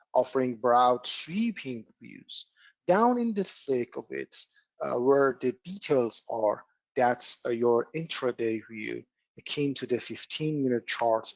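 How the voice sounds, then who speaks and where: Man presenter, unhurried, lots of "uh", dry lo-fi mic. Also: mid-range voice, no echo. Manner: frequent "uh" fillers, rhetorical questions. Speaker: trading webinar presenter. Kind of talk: webinar lesson, partly read script.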